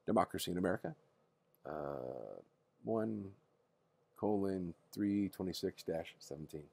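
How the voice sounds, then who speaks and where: Husky, mellow older man reading aloud, grandpa voice. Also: sits low, animated, no echo. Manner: halting, stumbles over words and rereads. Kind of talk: casual bedtime read-aloud from a history book.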